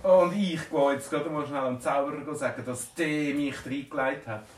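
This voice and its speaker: A man's voice: fairly high pitch, moderate pace, a little hiss or hum, lightly acted. A man with a Swiss German accent voicing an earnest little dwarf in a told story. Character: small male dwarf, hiccuping, earnest. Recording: roomy, distant from mic.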